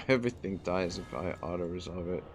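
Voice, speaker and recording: A man's voice: deep voice, fairly quick, gravelly, faint music behind. A man hosting a livestream, thinking aloud in casual strategy game commentary.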